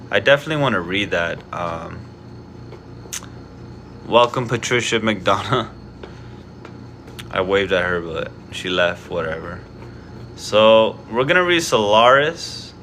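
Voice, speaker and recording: Bright-voiced rambling man in his twenties. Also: lowish voice, slight background noise. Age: 20s. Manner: meandering, self-deprecating, lots of fillers and restarts. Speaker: live-stream book reader. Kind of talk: casual rambling chat to viewers.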